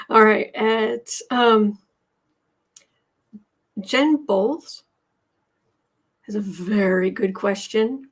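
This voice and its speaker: An American woman hosts a live tarot and astrology show, casually chatting in a halting way as she comments and reads viewer messages aloud, often repeating herself. Her voice is mid-range.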